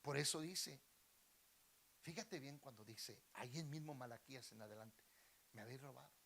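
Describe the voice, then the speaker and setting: A man's voice: medium pitch, moderate pace, fairly bright tone, a little hiss or hum. A man, a pastor preaching a sermon with fervor and often addressing listeners as brother. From Mexico.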